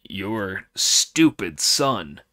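A man voicing a young demon king who fawns on his father, lower and slower than his narration. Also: sing-song, sharp tone, no room sound, full character voice. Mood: fawning. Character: young male demon king, fawning son.

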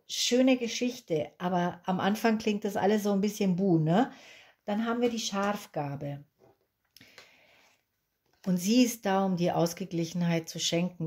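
A woman's voice: on the low side, darkish tone. A woman in her fifties, born in Peru, giving a chatty, reassuring tarot reading at a candlelit table and repeating words for emphasis. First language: Spanish. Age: 50s. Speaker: tarot reader.

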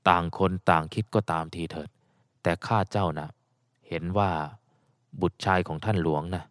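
A man voicing an elderly male official who speaks in a low, measured, grave way in an audiobook. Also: a bit bright, clean tone, dry recording, clean studio sound. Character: elderly male official, gruff but forgiving. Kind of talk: audiobook character voice.

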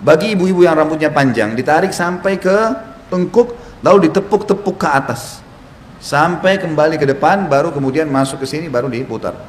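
A man gives a religious lecture in a fairly high voice, walking his listeners through each step and counting slowly as he demonstrates. The room is echoey, with a faint background hiss. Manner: explanatory, demonstrating with gestures, repeats counts slowly. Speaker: Islamic preacher.

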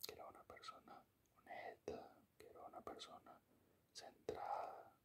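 A man in a whispered role-play as an affectionate boyfriend, speaking tenderly and intimately in a soft, breathy whisper close to the microphone. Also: a little slow. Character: affectionate, doting boyfriend murmuring sweet praise. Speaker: ASMR performer playing a boyfriend. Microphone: close-up microphone, at the ear.

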